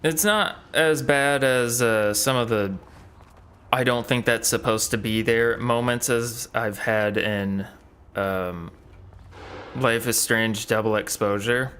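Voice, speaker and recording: A man's voice: medium pitch, steady tone, slow pace, a bit bright, clear, resonant tone. A man giving casual gameplay commentary with dry, sarcastic asides. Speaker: let's play streamer.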